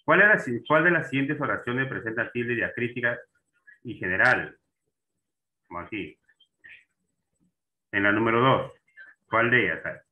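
Male teacher, mid-pitched voice, prompting students over tinny video-call audio. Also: expressive, a little slow, pauses often. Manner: checks in often with students, asking and prompting. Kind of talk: online class on Spanish accent marks.

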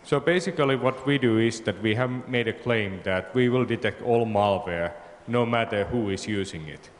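A man's voice: fairly low pitch, normal speed. A man in the audience at a conference, asking a polite, slightly hesitant question into a handheld microphone. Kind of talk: question from the floor. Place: large conference hall. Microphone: handheld audience mic. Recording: hall reverb, conference room.

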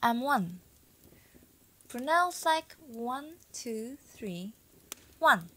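A young woman from Vietnam telling a travel story to camera, soft and breathy, often dropping to a whisper. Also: fairly high pitch, big pitch swings, drawn-out words, slight background noise, low-quality recording. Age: 20s. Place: small indoor room, decorated set.

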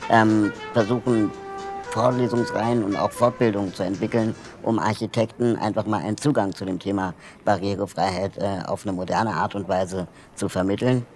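A man's voice: lowish voice, steady tone, normal speed, darkish tone, faint music behind. A man explaining a project and lecturing students in a hall, talking thoughtfully with frequent hesitation fillers. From Germany. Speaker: social project founder giving a lecture.

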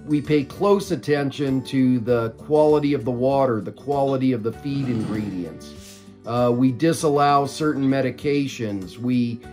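An older man, a company executive, answering interview questions at length from a home study over a video call, measured and explanatory with frequent fillers. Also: mid-range voice, darkish tone. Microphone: video call webcam.

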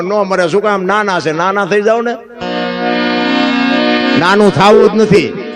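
A man giving a devotional folk storytelling talk on stage, firing rhetorical questions and homespun anecdotes at his listeners. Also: extremely high pitch. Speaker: dayro storyteller. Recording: devotional music playing behind the voice. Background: instrumental music.

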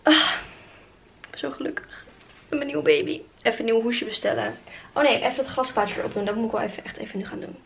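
A young woman chatting casually in a vlog from her bedroom, gushing and excited, talking to a handheld camera. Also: fairly high pitch, quick pace, vocal fry, slight background noise. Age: young adult. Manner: excitable, gushing, exclaims often. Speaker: vlogger. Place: bedroom at home. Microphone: handheld camera at arm's length.

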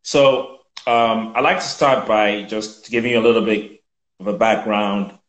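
A man in his fifties from Nigeria talks in a low voice, measured and reflective, pausing on fillers. He is on a video call from a room at home, and the sound rings in an echoey space. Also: fairly even intonation. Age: 50s. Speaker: guest. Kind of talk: conversational interview.

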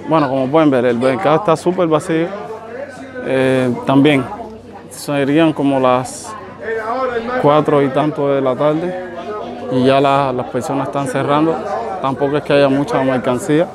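A man in his thirties with a Cuban accent, casually narrating a vlog into a phone at arm's length. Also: medium pitch. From Cuba. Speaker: vlogger. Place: outdoors in street and open market. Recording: busy street and market noise behind.

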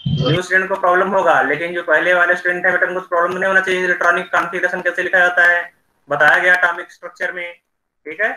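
A man teaching chemistry in an online class, explaining slowly and checking in with his students often. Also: high voice, level tone, sharp tone, roomy sound, rough recording.

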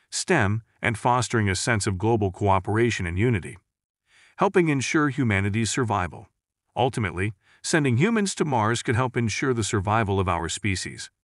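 A man's voice: fairly low pitch, a bit bright, no room sound, studio quality. A man reading scripted documentary narration in a grand, earnest manner.

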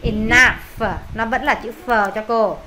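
A woman teacher with a Vietnamese accent, running an English pronunciation lesson and repeating words slowly for pupils to echo. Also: high voice, pushed and bright, slight background noise.

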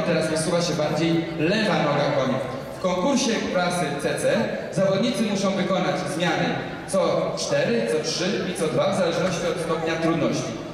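A man commentating live in an arena, calmly and instructively explaining the riding to the spectators. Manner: calm, instructive, addresses the audience directly. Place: large indoor equestrian arena with spectators. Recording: booming arena echo from far off, crowd behind.

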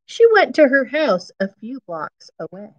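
Inside a school classroom, a woman in her fifties reads to young children from a picture book, repeating key phrases and explaining things simply as a teacher would. Her voice is on the high side and very animated, a little slow, with the highs cut off in the recording.

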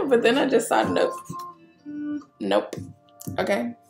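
Tarot reader, woman; lively pitch and a gravelly edge, roomy sound with clear music underneath; loose, rambling, swears and laughs. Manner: rambling, laughing, profane, talks straight to the viewer. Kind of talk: casual tarot reading to camera.

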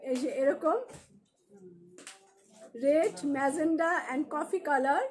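A woman's voice: high voice, drawn-out words, darkish tone. A woman with a Bangladeshi Bengali accent, a shop owner selling clothes on a live stream, chatty and joking as she greets viewers by name.

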